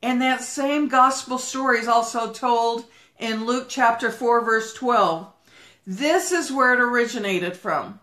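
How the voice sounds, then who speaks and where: A woman pastor giving a fervent livestreamed Bible teaching, talking fast as she walks and breaking into prayer. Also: on the high side, bright, forceful tone, reverberant. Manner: talks fast while walking.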